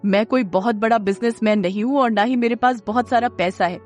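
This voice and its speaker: A woman's voice: a little high, fairly even intonation, a little fast, a little mellow, faint music behind, voice pushed up, lightly acted. A woman narrator voicing an angry young male bodyguard who scolds and threatens in a harsh, clipped way.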